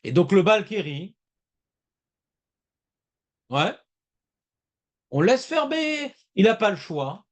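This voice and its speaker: A man's voice: sits high, big pitch swings, takes it slowly, long pauses. A man teaching a Talmud class, talking emphatically and repeating his points as he explains. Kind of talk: lively Talmud class discussion.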